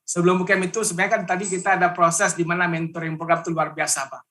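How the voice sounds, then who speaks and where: A man from Aceh, a guest on a talk show, telling a story in an animated way and acting out the lines he quotes. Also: high-pitched, racing.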